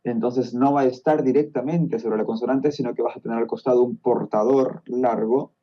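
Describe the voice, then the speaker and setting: A man's voice: medium pitch, steady tone, normal speed, highs cut off. A man with a Peruvian Spanish accent, a guest explaining a topic step by step on a podcast, often checking that his listener follows. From Peru. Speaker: guest expert on Tolkien's languages.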